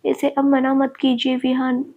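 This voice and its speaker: A woman's voice: high-pitched, completely flat delivery, measured pace, warm tone. A woman voicing a desperate young woman who pleads and insists through tears. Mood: pleading, tearful. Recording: dull lo-fi recording.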